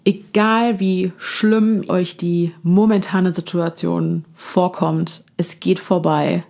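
A woman's voice: on the low side, flat delivery, takes it slowly, creaky, a little mellow. A young woman hosting a podcast, talking frankly and reflectively with frequent fillers. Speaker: podcast host. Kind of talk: casual chat.

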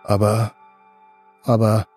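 A man's voice: mid-range voice, dark tone, soft background music, lightly acted. A man voicing a nervous man on a phone call who hesitates and stammers. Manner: halting, stammering.

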